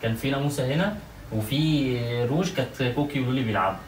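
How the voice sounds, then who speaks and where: A young man with an Egyptian accent talks very fast, tripping over himself as he defends himself. He is caught on a phone placed far across an echoey home room, with steady noise in the background. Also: mid-range voice. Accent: Egyptian Arabic. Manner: stammering, defensive denials. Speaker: prankster husband, channel co-host. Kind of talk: casual prank argument at home. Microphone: phone set up across the room.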